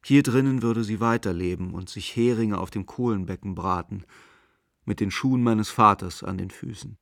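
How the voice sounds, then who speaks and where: A man narrating a radio drama in a slow, measured, melancholic manner. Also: fairly low pitch, creaky, a bit bright, dry recording, clean studio sound. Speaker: narrator and main character.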